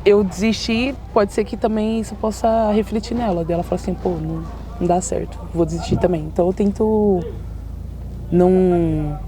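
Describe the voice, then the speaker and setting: A woman's voice: fairly low pitch, fairly even intonation, normal speed, mellow. A young woman with a São Paulo Brazilian accent, talking casually with slang and lots of fillers. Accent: Brazilian Portuguese, São Paulo. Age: young adult. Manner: slangy, hesitant, many fillers. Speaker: interviewee. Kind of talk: casual chat.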